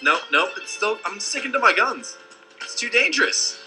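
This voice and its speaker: A man's voice: high voice, sing-song, normal speed, poor audio. A young man casually commenting on a game, joking, laughing and reading dialogue choices aloud. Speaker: let's play host. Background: game music.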